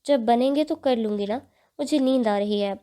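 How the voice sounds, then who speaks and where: Woman reader doing a pouty, chatty teen sister, high and mellow. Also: close to an everyday voice. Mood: pouting. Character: cheeky teenage younger sister.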